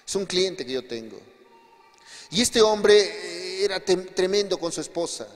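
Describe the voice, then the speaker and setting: A fairly high-voiced man preaching in a church hall. He tells his testimony emphatically, dropping low and then rising again. A long reverb trails each phrase. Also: unhurried. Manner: emphatic storytelling, swinging between quiet and raised passages. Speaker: pastor. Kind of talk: sermon with testimony.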